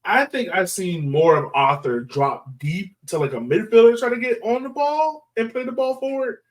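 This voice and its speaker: Recorded from afar, a man with a high voice and lively intonation speaks at a normal speed. He's hosting a soccer podcast, breaking down the game in a relaxed, conversational chat peppered with "like" and "you know."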